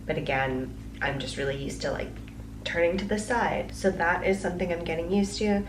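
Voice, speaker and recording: A woman's voice: lowish voice, brisk, roomy sound, background noise. A woman vlogging from her pottery studio, casually thinking aloud with lots of fillers. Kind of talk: casual vlog narration.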